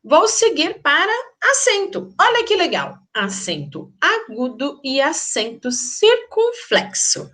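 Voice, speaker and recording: Lively high-voiced woman teaching grammar. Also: slow pace. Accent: Brazilian Portuguese. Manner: lively, sing-song teacherly delivery. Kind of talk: grammar lesson to students.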